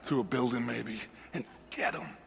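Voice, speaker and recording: An actor playing a commanding male outlaw in a video game, giving clipped, urgent instructions in a gravelly voice. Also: medium pitch, moderate pace, slight background noise. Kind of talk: dramatic video game acting. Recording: very loud music behind.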